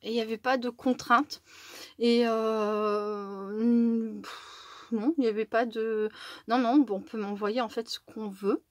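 A woman chatting casually in a craft vlog as she opens fan mail, rambling and correcting herself, giggling often and sometimes dropping to a hush. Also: a little high, steady tone, slow pace, dry recording, clean studio sound.

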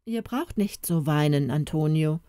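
A woman voicing a kindly, wealthy middle-aged uncle who speaks calmly and reassuringly in an audiobook. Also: low voice, unhurried, smooth, dry recording, studio quality. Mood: gentle.

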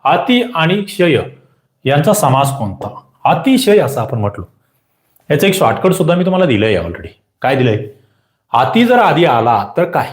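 Lively male teacher quizzing students. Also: fairly high pitch, reverberant. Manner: quizzing, repeats questions and pushes for quick answers. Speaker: exam-prep teacher. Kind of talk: live online grammar class.

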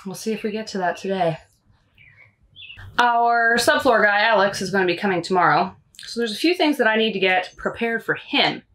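A woman's voice: mid-range voice, normal speed, fairly bright tone. A woman in her thirties giving a casual, matter-of-fact renovation update inside a small travel trailer, talking close to a handheld camera. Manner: chatty and matter-of-fact, shrugging things off. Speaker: renovation vlogger. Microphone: handheld camera close to face.

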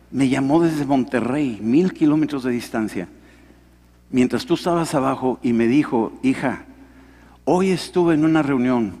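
A middle-aged Mexican pastor with a Mexican Spanish accent tells his story as a sermon testimony, acting out the dialogue as he goes. His mid-range voice is a little mellow, and the large hall of the men's conference adds an echoing reverb.

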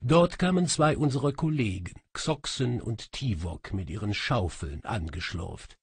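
A man narrating a fantasy audiobook in the first person, wry and animated. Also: fairly low pitch, measured pace, breathy edge, dry recording.

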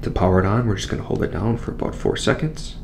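A man's voice: lowish voice, fast talker, creaky, noisy background. A young man presenting a product in a small studio, seated at a desk and walking through its features one step at a time. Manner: steady, explanatory, walks through features step by step. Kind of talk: scripted product unboxing.

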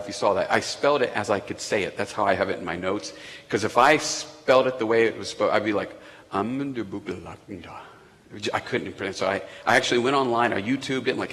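In an echoey church sanctuary, a man with a lowish, fairly bright voice delivers a sermon. As pastor, he keeps it conversational, addressing his congregation with asides and questions directed at the room.

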